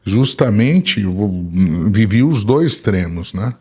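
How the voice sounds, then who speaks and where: A middle-aged entrepreneur, a native Arabic speaker, talks as a podcast guest, sharing personal stories in conversation. His voice is very low, deep, husky and a little mellow, yet animated. He speaks slowly and reflectively, halting often, restarting and repeating words as he searches for what to say, and he keeps tacking on "né?".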